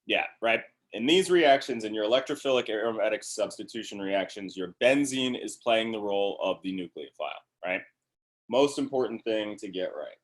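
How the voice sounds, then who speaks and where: A man's voice: on the low side, animated, moderate pace. A man lecturing a class on organic chemistry in an upbeat review, often checking in with the class.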